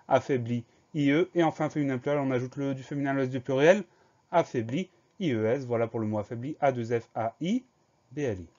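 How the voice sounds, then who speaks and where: A man leads a dictation lesson for students and spells each word out slowly and deliberately. His voice is dark and mellow. The recording sounds somewhat dull and lo-fi. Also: medium pitch. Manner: slow, careful letter-by-letter spelling. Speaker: teacher.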